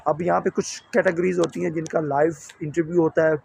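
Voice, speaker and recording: A man's voice: a little high, flat delivery, a little fast, gravelly, darkish tone, a little hiss or hum, poor audio. A man from Punjab in Pakistan, giving earnest, repetitive advice to viewers in a casual vlog and calling them brothers and sisters. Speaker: YouTuber giving visa interview advice.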